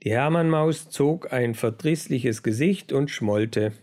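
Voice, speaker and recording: A man reading a children's book aloud in a measured storytelling manner. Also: mid-range voice, darkish tone. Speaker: narrator. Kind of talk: audiobook narration.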